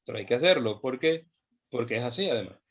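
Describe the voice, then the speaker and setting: A man teaching a theology class, speaking slowly and with emphasis, repeating phrases as he thinks them through. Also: medium pitch, expressive, fairly bright tone, husky, dull audio. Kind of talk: lecture. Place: online class session.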